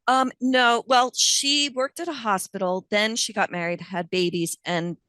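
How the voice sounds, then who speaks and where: A woman's voice: fairly high pitch, fairly even intonation, measured pace, sharp tone, no room sound. A woman in her fifties, a nurse and guest, reminiscing thoughtfully in a casual interview and thinking aloud as she goes. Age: 50s.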